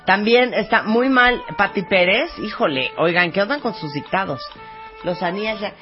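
Mexican lady hosting radio, jokey and loud, faint music under it. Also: medium pitch. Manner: joking, protests loudly, quick back-and-forth. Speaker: radio host. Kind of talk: playful radio banter. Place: radio studio. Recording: dull radio studio audio.

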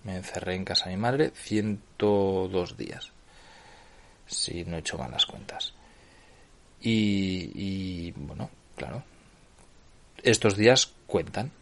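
A man's voice: sits low, takes it slowly, gravelly, pauses often. A middle-aged man from Spain with a Spanish accent, hosting a solo podcast and explaining things while often checking in with his listeners. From Barcelona, Spain. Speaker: podcast host.

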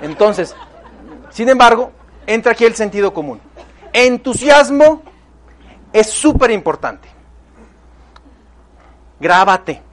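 A man's voice: high-pitched, expressive, slow, pauses often, some chatter behind. A man with a Mexican accent giving an emphatic motivational seminar talk, addressing the audience directly. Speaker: motivational speaker.

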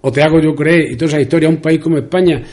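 Older Extremaduran man with mellow voice. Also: fairly high pitch, very fast. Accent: Extremaduran Spanish. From Spain. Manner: rambling, repeats words, acts out dialogue. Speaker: interview guest. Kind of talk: storytelling in an interview. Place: local radio studio.

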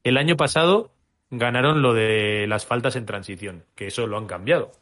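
A man's voice: medium pitch, moderate pace, fairly bright tone. A man co-hosting a casual podcast, thinking aloud with many hesitations as he weighs his opinions. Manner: musing, hesitant, restarts often. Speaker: podcast co-host.

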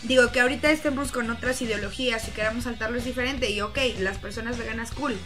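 A young woman with a Mexican accent, co-hosting a casual podcast chat, slangy and animated, laughing often. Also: a little high, fast, music in the background. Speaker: podcast co-host.

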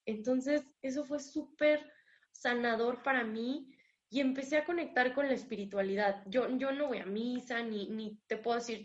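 A woman's voice: sits high, highs cut off. Candid young Mexican woman telling her story. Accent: Mexican Spanish. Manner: candid, storytelling with acted-out dialogue. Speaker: guest. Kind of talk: personal testimony.

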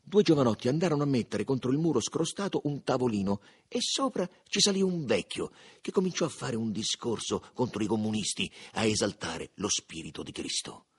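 Man reading a novel, husky voice, lively rise and fall, faint music under. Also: medium pitch, fairly quick, few pauses. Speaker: audiobook reader. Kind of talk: literary audiobook narration.

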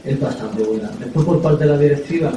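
A man, a football coach, answering at a press conference in a halting way, often repeating words and filling pauses with "eh". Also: mid-range voice, warm tone, slight background noise. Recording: echoey room, distant mic.

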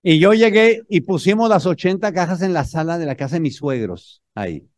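A man with a Mexican accent telling a humorous story to an audience in an animated, motivational speaking style. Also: fairly high pitch, brisk, no echo.

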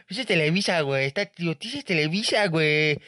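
A man's voice: a little high, animated, a little fast, pushed and bright, no room sound. A man voicing an indignant young Mexican leftist who rants in slang. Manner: whiny, ranting.

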